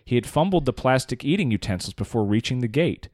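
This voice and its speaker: A man's voice: mid-range voice, expressive, fast talker, darkish tone, no room sound, studio quality. A man in casual podcast chat who reads a news story aloud and then argues with it skeptically, swearing freely.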